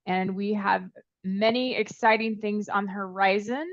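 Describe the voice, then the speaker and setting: A woman's voice: mid-range voice, steady tone, a little slow, dry recording. A woman hosting an interview, introducing the guest and asking prepared questions in a polite, upbeat manner. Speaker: interview host. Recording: dry, dull lo-fi audio.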